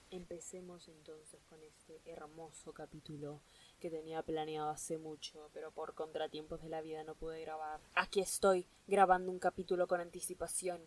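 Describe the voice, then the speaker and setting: A woman hosting a solo podcast, giving an excitable, gushing pep talk and dropping English phrases into her speech. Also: fairly low pitch, far from the mic, a little hiss or hum. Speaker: podcast host.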